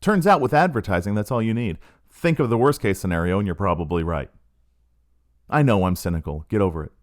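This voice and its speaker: A middle-aged man with a fairly low voice that swings widely in pitch as he talks. He tells stories in a sardonic, self-aware way, like a podcast host riffing on his own cynicism. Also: expressive, brisk. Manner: sardonic, storytelling with acted quotes. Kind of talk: casual monologue.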